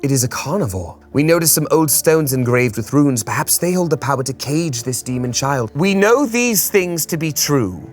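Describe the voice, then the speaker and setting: A man's voice: fairly high pitch, normal speed, hardly any pauses. A man hosting a board game, reading out the rules and story cards to the players in a theatrical way. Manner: theatrical, lively rule-reading.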